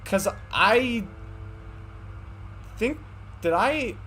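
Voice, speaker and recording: A man's voice: very high voice, animated, very slow, sharp tone, slight background noise. A man streaming a game, talking to his chat through livestream headset audio, with joking, self-mocking asides. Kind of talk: casual livestream commentary over gameplay. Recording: game music playing clearly under the voice.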